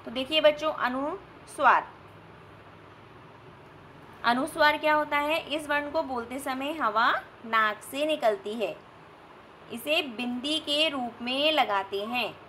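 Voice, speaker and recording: A woman teacher giving a recorded grammar lesson for children, slow and patient, spelling out sounds with examples. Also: high voice, sharp tone, slight background noise. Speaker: school teacher.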